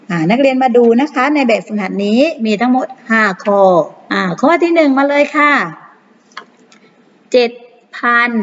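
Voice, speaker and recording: A woman teacher patiently explaining math exercises to primary pupils, reading numbers slowly and repeating them. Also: on the high side. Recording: muffled long reverb.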